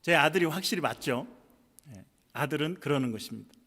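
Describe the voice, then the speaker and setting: A man's voice: fairly high pitch, expressive, brisk, pushed and bright, in a large hall. A middle-aged Korean man preaching a sermon as pastor, telling stories and acting out quoted dialogue with rising intensity. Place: church sanctuary.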